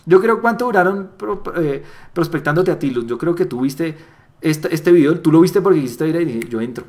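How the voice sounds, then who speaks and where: Man, fairly high voice, lively motivational coaching, repeats phrases. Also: normal speed. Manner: animated, acts out little dialogues with voice shifts; repeats key phrases for emphasis. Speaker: network marketing trainer. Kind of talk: motivational sales training talk.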